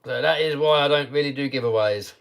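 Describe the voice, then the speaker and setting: A man's voice: mid-range voice, a little fast, clean tone. A man hosting a casual livestream, chatting easily, laughing often and reading out viewers' questions. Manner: chatty and easygoing, laughs often, reads chat questions aloud. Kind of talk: casual live chat.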